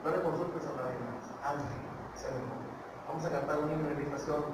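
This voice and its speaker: A man preaching a sermon, repeating his points and swinging from quiet to loud. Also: on the high side, fairly even intonation, a little fast. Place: church. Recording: echoey church hall, distant mic, background noise.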